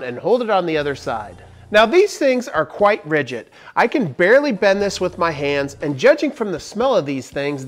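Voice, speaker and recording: A man in his forties hosts a casual woodworking review from a big barn workshop. His lively, swinging delivery stays jokey and explanatory. Faint music plays under his lapel-miked voice. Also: high-pitched. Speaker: woodworking channel host.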